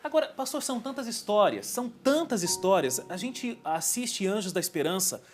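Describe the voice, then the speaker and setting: A man's voice: high voice, animated, moderate pace, faint music behind. A man hosting a TV interview, prompting his guest with questions. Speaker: TV talk show host.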